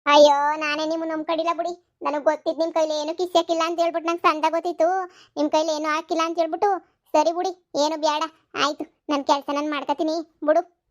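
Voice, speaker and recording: A woman playing a very high-voiced scolding village wife. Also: level tone, dull audio, lightly acted. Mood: dismissive. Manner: scolding, quick retorts. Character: sharp-tongued pregnant young village wife. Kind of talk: cartoon comedy voice acting.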